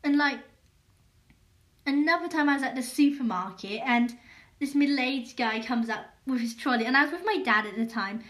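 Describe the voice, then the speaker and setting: A woman's voice: high voice, normal speed, a bit bright. Candid woman hosting a podcast. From England. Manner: candid, hesitant, lots of fillers and restarts. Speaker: podcast host. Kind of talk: personal podcast monologue.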